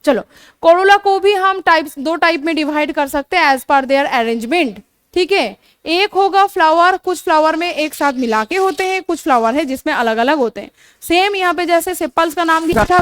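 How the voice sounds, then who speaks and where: A woman's voice: sits high, animated, moderate pace, fairly bright tone, no echo, studio quality. A young woman teaching biology in a coaching class, explaining terms with frequent check-ins, repeating herself and correcting her own slips. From India. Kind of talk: classroom lecture mixing Hindi and English terms.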